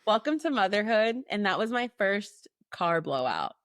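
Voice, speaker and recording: Young woman, podcast co-host, animated storyteller, casual chat, dry close sound. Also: medium pitch, moderate pace, no room sound. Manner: animated storytelling, frequent "like" and "literally".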